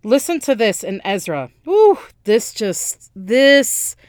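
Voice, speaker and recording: A woman's voice: on the high side, big pitch swings, takes it slowly, no echo, clean studio sound. A woman preaching a sermon with passion, repeating phrases and restarting her sentences.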